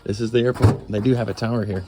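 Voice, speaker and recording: A man's voice: on the low side, fairly even intonation, quick pace. A man making casual remarks on location as he travels. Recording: clear ambient vehicle noise.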